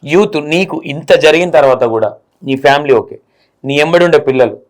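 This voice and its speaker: A man's voice: on the high side, moderate pace. A male interviewer who asks probing, direct questions.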